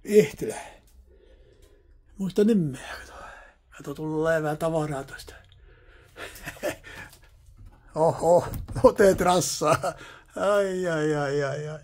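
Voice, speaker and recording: A man's voice: a little high, pauses often, darkish tone. A man heating a sauna and talking to himself, rambling, repeating himself and swearing often. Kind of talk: rambling casual monologue.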